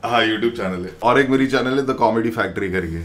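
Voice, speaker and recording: A man's voice: mid-range voice, normal speed, slight background noise. A man from Gujarat, a comedian, bantering and teasing strangers on a video chat, laughing often and speaking English with an Indian accent. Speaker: comedian host chatting with strangers.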